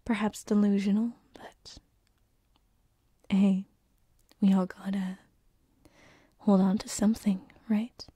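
In a binaural ASMR roleplay, a woman plays a gentle, lovesick succubus, a sleep paralysis demon who haunts bedrooms and is shyly affectionate. She whispers slowly, very breathily, and hesitantly, with tender, playful warmth, breathy giggles, and sighs. Her medium-pitched voice barely moves in pitch, captured dry and intimate on a close binaural mic with no echo.

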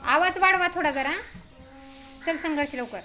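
A woman teacher running a reading game with young pupils, giving brisk directions and frequent praise. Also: high voice, music in the background. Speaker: primary school teacher. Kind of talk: classroom reading game instruction. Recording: noisy outdoor recording.

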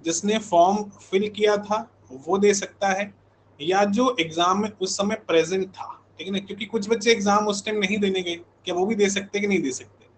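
Poor audio with a little hiss or hum captures a man whose voice sits high with a fairly bright tone. He's an Indian online coaching teacher in his thirties, casually chatting with his live class and repeatedly checking in.

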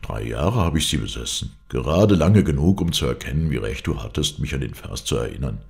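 A brooding, grief-struck man muses sadly on his fate in a hoarse voice, as a male reader gives him voice. The tone is extremely deep and gravelly, yet the pitch rises and falls widely. This is a storybook reading with a philosophical, mournful manner. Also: big pitch swings, fairly quick, exaggerated voice. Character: melancholy, brooding man grieving his lost wife and son.

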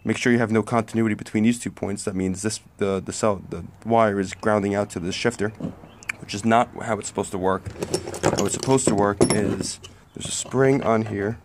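At a garage workbench under a tent, a home mechanic films a casual how-to vlog on his phone, held one-handed close to the work, as he explains a car part repair. He sounds plain-spoken and a little apologetic. His voice is fairly low with fairly even intonation, delivered at a moderate pace over background noise.

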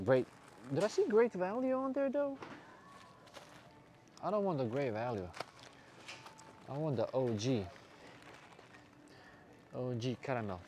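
A man's voice: lowish voice, darkish tone. A man from Bosnia filming a casual fitness vlog while shopping in a supermarket, joking and talking to the camera. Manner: playful, jokey, talks to camera. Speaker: fitness vlogger. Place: supermarket aisles. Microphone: handheld camera, filmed by cameraman. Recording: noisy store with background ambience. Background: shop ambience.

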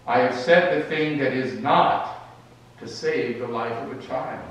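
A man reading aloud as an earnest, humble wandering sage, his mid-pitched voice steady and low before it turns to pleading prayer. The words ring through a big, echoey church room, picked up from a distance. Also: measured pace, natural voice. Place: church sanctuary.

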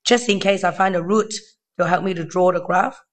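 Male maths tutor, high-pitched thin voice, weak from being unwell, informal step-by-step delivery. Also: brisk, fairly bright tone. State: unwell, weakened voice. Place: indoors at a desk.

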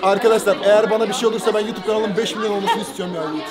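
A young man vlogging on a roller coaster, chatting casually in an excited, loud manner. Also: high-pitched, rapid-fire. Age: young adult. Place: outdoor amusement park roller coaster and covered station. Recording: loud music and crowd behind. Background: loud music, crowd.

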